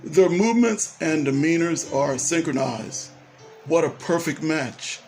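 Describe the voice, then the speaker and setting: Man narrating a story over soft guitar. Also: fairly high pitch, measured pace. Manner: talks straight to the listener, asks questions. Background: faint guitar music.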